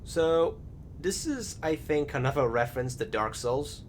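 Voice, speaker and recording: A gaming channel host narrates a video game in a casual, rambling voice-over, often hesitating and searching for words. His voice sits fairly high and is expressive and unhurried. Music plays behind him, with slight background noise.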